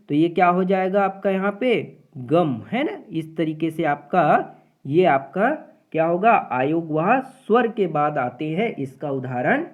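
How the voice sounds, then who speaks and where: Step-by-step exam-prep teacher, middle pitch, thin phone-line quality. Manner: explains step by step, often adds tag questions. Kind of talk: exam-prep grammar lesson. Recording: phone-like narrow audio.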